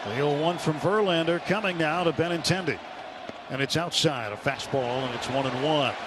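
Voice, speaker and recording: A radio play-by-play man with an American accent delivers live baseball commentary from the stadium's broadcast booth. He speaks at a normal pace in a slightly high voice, and a crowd can be heard behind him on the noisy live broadcast.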